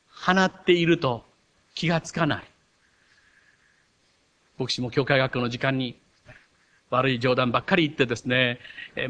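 A man preaching a sermon as pastor, animated, with self-mocking asides. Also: on the high side. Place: church.

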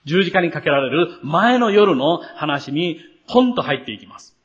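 Earnest man preaching a sermon, lively and animated, muffled lo-fi church recording. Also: a little high, moderate pace. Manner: earnest, expressive preaching with rising emphasis. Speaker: pastor.

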